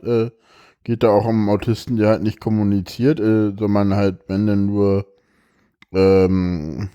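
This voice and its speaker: A tired man hosting a podcast, talking haltingly with many fillers and reading a text aloud with feeling. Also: lowish voice, dark tone, clean tone. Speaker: podcast host.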